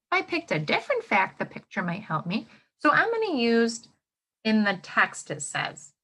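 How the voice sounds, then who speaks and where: A woman elementary school teacher runs an interactive read-aloud for young children in a fairly high, gravelly, fairly bright voice with a breathy edge and huge pitch swings. She encourages the kids with exaggerated expressiveness, posing questions and pausing so they can answer.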